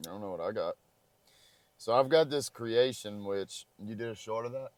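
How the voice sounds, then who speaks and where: This travel vlogger, a man losing his voice, rambles casually from a parked car. His crackly voice sits on the low side at a moderate pace, his manner is easygoing, and the recording is dry.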